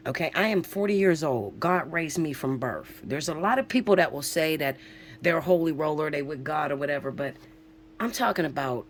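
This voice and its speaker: A woman's voice: deep voice, animated, fairly quick, a little hiss or hum. A woman in her forties, a spiritual reader talking casually and emphatically to viewers, swearing freely and often checking in with "okay?". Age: 40s. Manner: emphatic, preachy, swears, keeps asking "okay?". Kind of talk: casual spiritual vlog talk.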